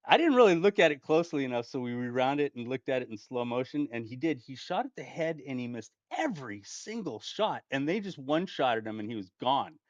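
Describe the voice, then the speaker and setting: A man's voice: medium pitch, big pitch swings, a little fast, few pauses, dry recording. Man rambling through a gaming story, lo-fi. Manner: rambling, restarts often, chuckles while telling. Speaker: gaming channel host. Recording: dull lo-fi dry home mic.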